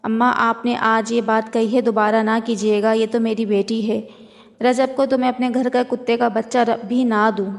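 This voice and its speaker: A woman reading a calmly firm father. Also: a little high, vocal fry. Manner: calm, firm. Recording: long hall reverb.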